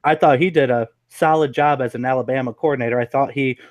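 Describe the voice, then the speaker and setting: A man's voice: mid-range voice, fairly even intonation, fast, no echo. A young man co-hosting a casual sports chat, chatty and teasing, often restarting his sentences. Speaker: co-host.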